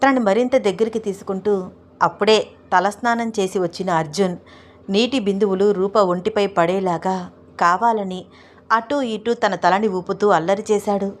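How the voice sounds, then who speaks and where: A woman reading a romance story aloud as narrator, in a smooth, steady and softly descriptive way. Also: medium pitch, moderate pace.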